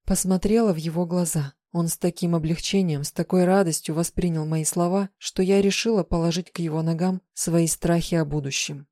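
A woman reading a first-person novel aloud as an audiobook narrator, in an even, emotive way. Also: lowish voice, fairly quick, hardly any pauses, no echo, clean studio sound.

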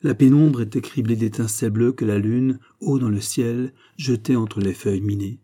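Man with a dark, husky narrating voice. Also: mid-range voice. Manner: measured, expressive literary narration. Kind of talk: storybook reading.

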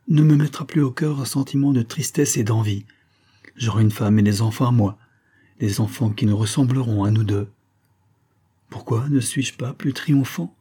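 A man's voice: mid-range voice, warm tone, husky, pitched above the performer's own voice, close to an everyday voice. A man voicing a timid, dreamy man who answers in a hesitant, earnest way while reading a novel aloud.

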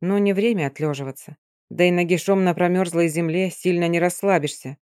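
An audiobook narrator reading a first-person dark fantasy story in a steady storytelling manner. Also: medium pitch, brisk, smooth, dry recording, studio quality.

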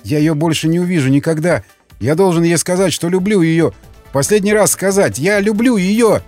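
Male narrator voicing a desperate young officer, shrill and tearful. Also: expressive, moderate pace, breathy edge, soft background music. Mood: desperate sobbing. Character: panicking young male lieutenant.

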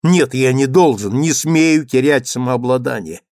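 An ardent gentleman suitor presses his case, insistent and troubled, his pleas swelling into passion. A man voices him in an audiobook reading. The sound is dry and close, with the voice at a middle pitch. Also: unhurried, dry recording, natural voice. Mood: passionate. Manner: pleading, then passionate outbursts.

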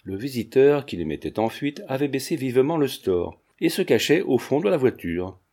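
A man narrates a classic novel in a steady, measured reading. His voice is mellow and sits at a medium pitch. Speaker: audiobook narrator. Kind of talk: scripted narration.

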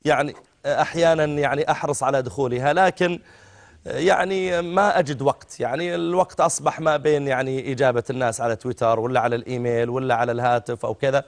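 A man's voice: medium pitch, steady tone, fast talker. A middle-aged man with a Saudi accent, a religious scholar answering callers in an avuncular way. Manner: avuncular, addresses callers as my son. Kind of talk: religious call-in advice.

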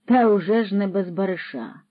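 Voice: mid-range voice, expressive, normal speed, no room sound, phone-quality sound, lightly acted. A narrator doing a curt horse thief. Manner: curt, clipped answers.

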